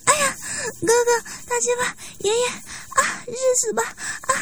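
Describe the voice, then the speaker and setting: A woman's voice: extremely high pitch, fairly even intonation, a little slow, very noisy, pitched above the performer's own voice. A woman voicing a young woman who cries out and pleads, in breathless wails and sobs. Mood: wailing, pleading. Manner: wailing, sobbing cries and pleas.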